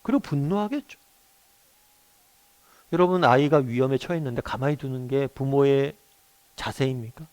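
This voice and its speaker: A man's voice: medium pitch, moderate pace, long pauses, a little mellow. A middle-aged male pastor giving a morning devotional sermon, earnest, often putting questions to his listeners.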